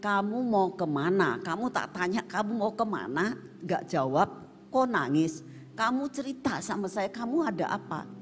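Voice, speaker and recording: A kindly army officer speaks in a firm, questioning voice, as a woman preacher acts him out, with wide swings in pitch. The voice echoes with long church reverb over soft music. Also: lively intonation, normal speed, close to an everyday voice. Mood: earnest. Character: kind, commanding male army officer.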